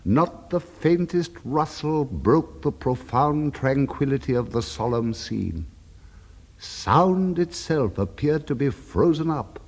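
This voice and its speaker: A man's voice: mid-range voice, expressive, slow, a little mellow. A man narrating a scripted story in a dramatic, suspenseful, theatrical way. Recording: long reverberant echo.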